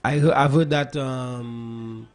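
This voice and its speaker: A man's voice: medium pitch, steady tone, slow pace. A young man, hosting a casual morning radio show in a jokey, playful way. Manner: playful, jokey, laughs easily. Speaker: radio host. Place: radio studio.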